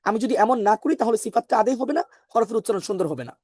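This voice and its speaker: A woman's voice: a little high, animated, quick pace, a little mellow, husky, no room sound, clean studio sound. A woman teaching an online class on Quran recitation, explaining patiently, repeating her points and asking the students questions.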